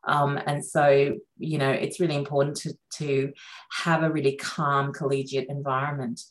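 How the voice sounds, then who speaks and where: Low-voiced woman surgeon, chatty and reflective. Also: little pitch movement, normal speed, poor audio. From Sri Lanka. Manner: chatty, reflective, frequent fillers. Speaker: surgeon guest. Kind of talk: relaxed interview conversation.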